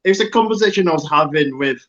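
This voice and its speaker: A man's voice: fairly high pitch, lively intonation, fast talker, fairly bright tone, dull audio. A man from Zambia appearing as a guest, making an earnest, emphatic appeal and repeating his key phrases. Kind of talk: political appeal on an online talk show.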